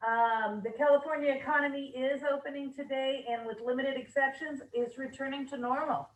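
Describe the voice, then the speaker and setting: Woman presenter, upbeat and chatty, a bit hoarse, higher voice, roomy distant mic. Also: steady tone, a little fast, a little hiss or hum. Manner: upbeat, reads rules aloud with asides and fillers. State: losing her voice. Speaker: managing broker leading an office meeting. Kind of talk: office meeting presentation.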